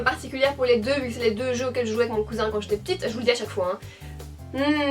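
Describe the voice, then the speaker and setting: High-voiced Belgian woman chatting to camera. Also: far from the mic. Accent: Belgian French, Hainaut. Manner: chatty and rambling, with frequent fillers and self-corrections. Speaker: beauty YouTuber answering a tag. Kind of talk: casual chat to camera. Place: at home, indoors.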